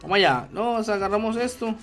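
Man, game streamer, high voice, casual lively commentary, greets viewers by name, faint music behind. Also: a little fast. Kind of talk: casual gaming livestream commentary.

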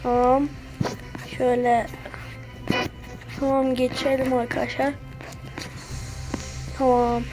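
High-voiced woman narrating her phone game. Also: slow pace, pauses often, over music. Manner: keeps saying "okay friends" while playing; bursts into excited shouts at discoveries. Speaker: gameplay commentator. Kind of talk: casual game commentary. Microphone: phone screen recorder.

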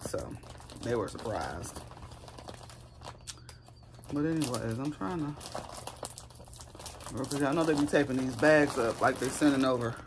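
Hoarse, chatty woman vlogger. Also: very deep voice, unhurried, long pauses, noisy background. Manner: chatty and rambling. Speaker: YouTuber. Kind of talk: casual haul vlog.

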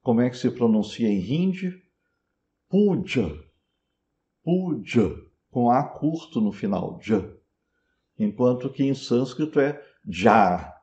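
A man's voice: medium pitch, expressive, normal speed, hardly any pauses, dark tone, highs cut off. A man with a Brazilian Portuguese accent, teaching a pronunciation lesson patiently and repeating words to model them. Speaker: Sanskrit teacher. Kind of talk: slow explanatory lesson.

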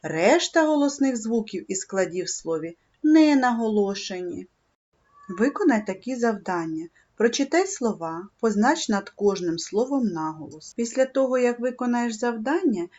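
A woman reading a scripted primary school lesson, speaking slowly and clearly and stressing syllables. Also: a little high, expressive, a little mellow, highs cut off. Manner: slow, clear instructional delivery, stressing syllables.

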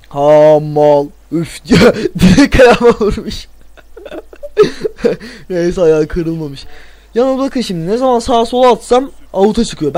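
A young man from Turkey commenting on his own football video game, excitable and swearing, yelling at the players on screen. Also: high voice. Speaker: gaming channel host. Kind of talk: let's play commentary.

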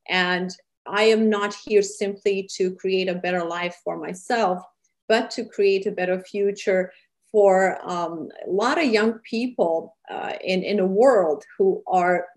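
A middle-aged woman from Serbia, a charity founder, speaking earnestly with many fillers and slightly phrasing in an interview over a webcam call from a small room. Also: medium pitch. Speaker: charity founder and cooking show host. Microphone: webcam on a video call.

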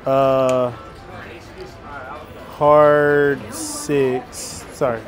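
A man with a mid-pitched voice talks slowly as he gambles at a craps table. He counts chips out loud and repeats short phrases to root for numbers. Music plays clearly behind him. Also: flat delivery. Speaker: craps player.

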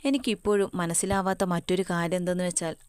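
A man's voice: high-pitched, steady tone, fast, smooth, no room sound, lightly acted. A woman voicing a brooding, stubborn young man with a bitter edge in a spoken story.

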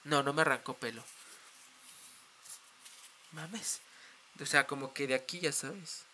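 Bright-voiced Mexican streamer, playful. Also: male voice, a little high, takes it slowly, slight background noise. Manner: playful, dramatic, shrieks and swears often. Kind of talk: casual live stream chat.

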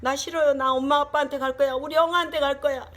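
A woman's voice: high-pitched, fairly even intonation, fast talker, fairly bright tone. An older woman voicing a sad, captive young elephant that pleads to go home to its mother and father. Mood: pleading. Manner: whiny, tearful pleading.

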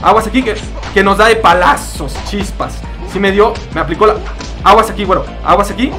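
A young man with a Mexican accent giving excitable, jokey commentary while he plays a fighting game. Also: sits high, fairly quick, soft background music. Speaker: gaming YouTuber. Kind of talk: gameplay commentary.

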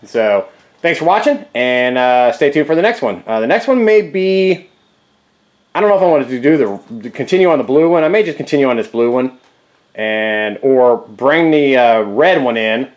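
A man's voice: medium pitch, animated, moderate pace. A man talking casually to camera in his home garage, rambling in a laid-back way with many fillers and restarts. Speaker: garage vlogger fixing scooters. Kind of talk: casual workshop talk to camera.

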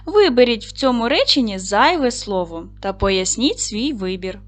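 A woman's voice: fairly high pitch, animated, moderate pace. A woman teacher talks patiently to young children in a lesson, speaking straight to them. Her voice rises and falls a great deal. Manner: patient, addressing children directly. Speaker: primary school teacher. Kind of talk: online lesson for second graders.

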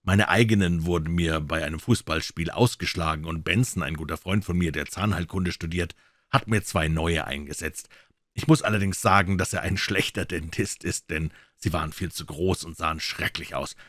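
A man voicing a calm, slightly embarrassed young gentleman in a crime audiobook, explaining himself at length. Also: low-pitched, normal speed, dry recording, studio quality.

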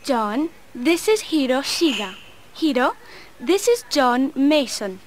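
A woman speaking in a scripted textbook listening recording, slow and carefully enunciated. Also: high voice, big pitch swings, slight background noise, exaggerated voice. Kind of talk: scripted course audio.

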